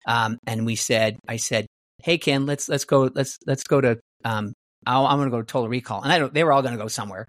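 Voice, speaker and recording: A man's voice: medium pitch, brisk, no room sound, studio quality. A middle-aged man casually telling stories, rambling with many restarts and fillers. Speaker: guest martial artist. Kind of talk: casual storytelling.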